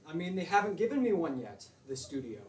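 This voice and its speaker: A man's voice: fairly high pitch, big pitch swings, fast. A man playing an agreeable, easygoing young actor in a stage play, with casual, affable replies. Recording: echoey stage from far off.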